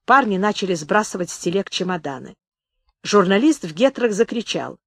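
A woman reading a memoir aloud as an audiobook narrator, expressive and measured. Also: mid-range voice, no room sound, studio quality.

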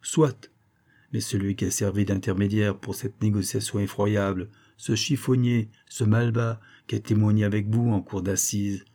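A man reading a novel aloud and voicing a composed male investigator with measured, questioning speech. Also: lowish voice, little pitch movement, mellow. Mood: grave. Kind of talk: audiobook reading.

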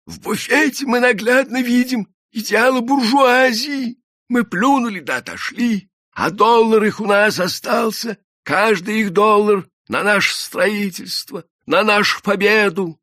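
A man doing a hoarse shouting worker orator. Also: high voice, unhurried, no room sound, studio quality, voice pushed up, full character voice. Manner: shouting speeches. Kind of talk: audiobook character voice.

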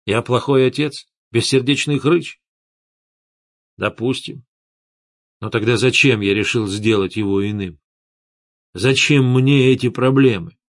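A weary old chief of light mages, an aging schemer whose low, hushed voice carries the weight of guilt and doubt, as a male narrator puts him on. His tone stays sober and measured, in a mid-pitched register, recorded dry and close. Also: dry recording, lightly acted. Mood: bitter. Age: older. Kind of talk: audiobook character voice.

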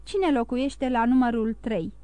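A woman's voice: a little high, dark tone, smooth, no echo, lightly acted. A woman reading the lines of a commanding gendarme corporal in an audiobook. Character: bossy, joking gendarme corporal, a man.

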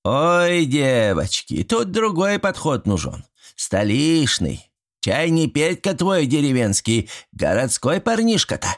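A man's voice: fairly high pitch, big pitch swings, slow pace, pitched above the performer's own voice, exaggerated voice. Man doing cackling bawdy village women. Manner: bawdy, giggling banter. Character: cheeky teasing village women, middle-aged.

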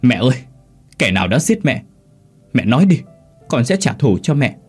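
Brief: narrator voicing a grieving son, loud, urgent, lively. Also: male voice, mid-range voice, moderate pace, husky, soft background music, pitched above the performer's own voice. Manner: urgent, distraught. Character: grieving young man seeking revenge.

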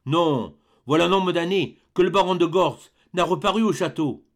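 A man's voice: high voice, moderate pace, pitched above the performer's own voice. A man voicing an older village elder who answers in a respectful, matter-of-fact way. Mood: informative.

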